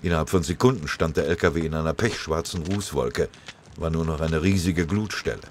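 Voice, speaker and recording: A man's voice: rumbling low, fairly quick, a little hiss or hum. A man reading a war story aloud in a dramatic, vivid storytelling manner. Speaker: narrator. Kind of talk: scripted audiobook narration.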